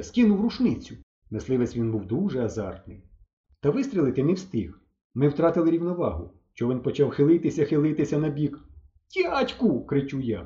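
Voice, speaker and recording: A man reading a children's audiobook aloud with lively storytelling. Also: a little high, reverberant, lo-fi sound. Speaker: audiobook narrator.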